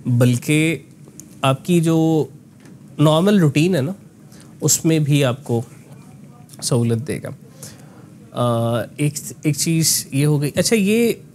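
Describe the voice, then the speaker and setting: Man explaining voice technique, slightly high. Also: animated, slow, pauses often, a little mellow, slight background noise. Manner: explanatory, mixes in English phrases, frequent "ना" tags. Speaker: voice coach. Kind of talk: conversational voice lesson.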